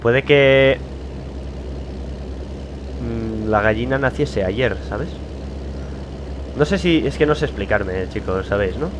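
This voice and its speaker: A man's voice: medium pitch, slow pace, pauses often. A young man with a Spain Spanish accent, rambling and joking at himself in casual let's-play commentary from a home studio. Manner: rambling, chatty, self-mocking, laughs often. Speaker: gaming YouTuber. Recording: loud driving game engine noise behind.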